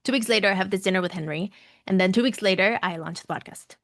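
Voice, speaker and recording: A woman's voice: mid-range voice, quick pace, no room sound. Mexican-accented woman, close dry sound. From Mexico City, Mexico. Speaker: podcast guest, coach and podcaster. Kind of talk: conversational personal storytelling in an interview.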